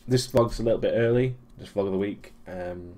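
A young European vlogger with a lowish, dark voice briskly recaps his week in a casual video. He rambles, with plenty of ums and restarts and a dry, sarcastic edge.

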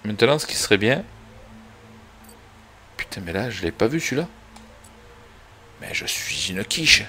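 A man's voice: on the low side, big pitch swings, unhurried, sharp tone, a little hiss or hum. A man streaming a video game live, chatting casually, swearing now and then and greeting viewers as he plays. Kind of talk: casual live gameplay commentary.

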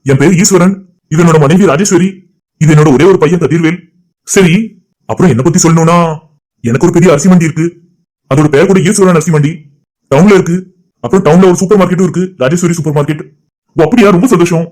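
A man's voice: fairly high pitch, fast, long pauses, a little mellow, natural voice. A man voicing a proud, middle-aged father who talks formally and boasts about his businesses.

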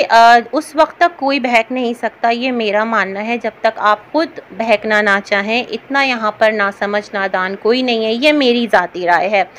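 A woman giving chatty, opinionated commentary in a reaction vlog, often pausing on hesitant fillers. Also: fairly high pitch, a bit bright, a little hiss or hum.

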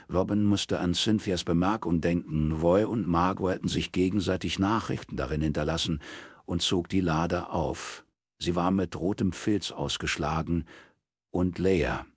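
A man reading a crime novel aloud as scripted narration, in a steady storytelling manner. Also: deep voice, slightly rough, dry recording, clean studio sound. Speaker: audiobook reader.

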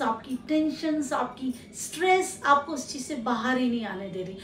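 High-voiced woman giving spiritual advice. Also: far from the mic, a little hiss or hum. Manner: calm, advising, addresses the listener directly. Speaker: spiritual teacher and healer. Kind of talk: instructional talk to camera. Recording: echoey room, voice a little off-mic.

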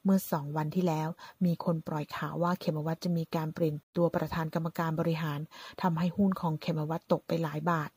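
A woman's voice: low-pitched, level tone, fast, few pauses, a little mellow, slightly rough. A woman voicing a cold, scheming businesswoman boss who speaks in a cool, cutting, taunting way.

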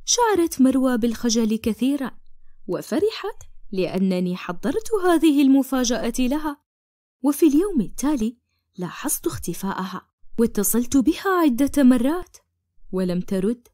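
A woman's voice: a little high, sing-song, normal speed, dark tone, no room sound, clean studio sound. A woman narrating a cartoon story in the first person, with dramatic delivery and whispered asides.

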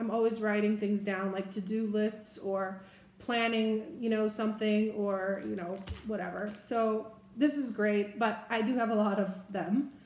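A woman's voice: fairly high pitch, darkish tone. Chatty woman in an echoey room. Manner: chatty and rambling, upbeat. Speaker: haul vlogger. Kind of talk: casual product haul chat. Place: room indoors, seated at a table. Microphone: camera in front at table distance.

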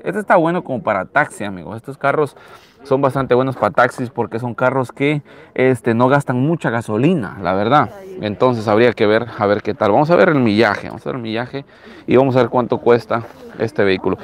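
A man in his thirties with a Latin American Spanish accent, hosting a casual live vlog in a chatty, repetitive way, talking outdoors into a handheld phone. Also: medium pitch. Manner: chatty, repeats phrases. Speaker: live-stream host. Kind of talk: casual live vlog commentary, showing used cars. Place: outdoors in an open car lot. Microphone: handheld phone at arm's length.

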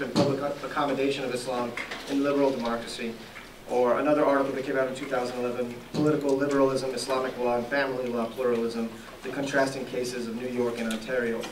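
A man's voice: medium pitch, steady tone, fast. A young man moderates an event and introduces the speaker into a handheld mic. He speaks hesitantly, with frequent "um" and self-corrections. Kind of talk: formal introduction. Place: lecture room, indoors, at a podium. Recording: echoey room, distant camera mic, audible noise.

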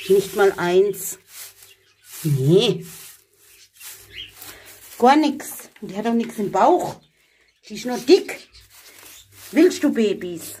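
Woman vlogger from Germany, chatty and coaxing with her pets, unhurried delivery, outdoor camera mic with faint noise and animals nearby. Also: medium pitch, sing-song, warm tone. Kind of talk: casual vlog talking to viewers and animals. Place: outdoors in a hot village yard with animal pens.

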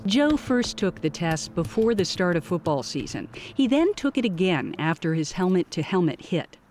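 Lively woman narrating a documentary. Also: lowish voice, normal speed, soft background music. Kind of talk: scripted narration.

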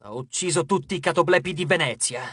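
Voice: mid-range voice, fast, fairly bright tone, slightly rough, no room sound, studio quality. An audiobook narrator voicing a shy, earnest teenage demigod boy who speaks hesitantly. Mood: solemn.

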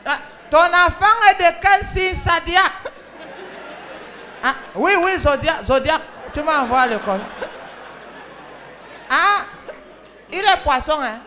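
A woman with a Cameroonian French accent playing an excitable, scolding female emergency call operator in a comedy sketch, talking to callers on the phone. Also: sits high, measured pace, pauses often, some chatter behind, slight background noise, full character voice. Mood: bossy. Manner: scolding, excitable, often laughing and shouting. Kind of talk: comic sketch, one side of phone calls.

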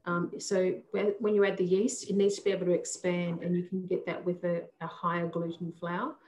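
A woman's voice: fairly low pitch, flat delivery, fairly quick, a little mellow. Woman, co-host answering questions, friendly, lots of ums, roomy room. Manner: friendly, explains with many ums. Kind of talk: casual chat. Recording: roomy sound.

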